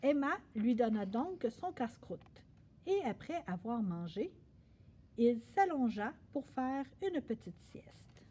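Slow, expressive husky woman storyteller. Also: fairly high pitch. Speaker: library storyteller. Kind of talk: children's story hour reading.

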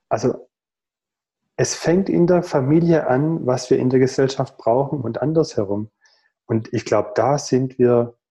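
Earnest man with a mellow voice. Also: medium pitch, lo-fi sound. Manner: thoughtful, earnest, rhetorical questions, many pauses. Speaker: guest in a video call conversation. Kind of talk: reflective conversational explanation. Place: home room. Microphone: video call.

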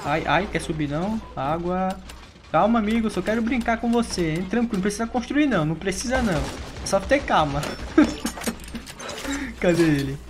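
A man's voice: sits high, expressive, moderate pace, noisy background. Teasing man commenting a shooter game. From Brazil. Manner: chatty, teasing, laughs often. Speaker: gaming YouTuber. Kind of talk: live gameplay commentary.

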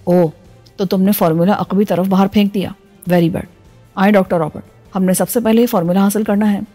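A woman's voice: medium pitch, steady tone, brisk, warm tone, faint music behind, natural voice. A woman voicing a brutal, menacing male security chief in a storybook reading, growling her threats. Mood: curt.

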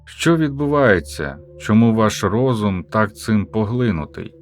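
A man narrating an audiobook of a philosophical talk, with a measured, questioning and emphatic delivery. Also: lowish voice, big pitch swings, soft background music.

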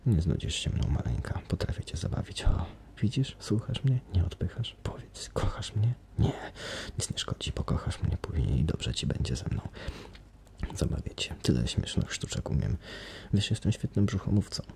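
A man's voice: sits low, big pitch swings, normal speed, creaky, in a whisper, heavily acted. A man doing a feverish, menacing masked man. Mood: wheedling. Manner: feverish, wheedling, then boastful.

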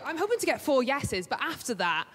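Young female talent show contestant, South Wales Valleys accent, higher-pitched voice, interview answers. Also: very animated, brisk, fairly bright tone, slight background noise. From Caerphilly, South Wales. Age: young adult. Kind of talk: audition interview. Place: TV audition stage and backstage area.

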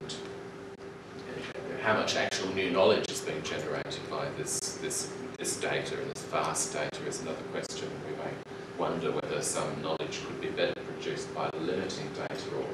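A middle-aged man giving a conference keynote from a podium in a large lecture hall, talking in a measured, reflective way with occasional ums and restarts. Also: extremely low pitch, fairly even intonation. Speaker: keynote speaker. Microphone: podium mic, recorded by far camera. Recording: echoey hall from far off, loud noise.

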